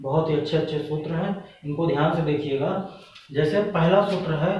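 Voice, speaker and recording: A man teaching Hindi grammar for an exam-prep lesson. He talks patiently and asks questions that he then answers himself. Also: high-pitched. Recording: echoey room, voice from a distance, dull sound.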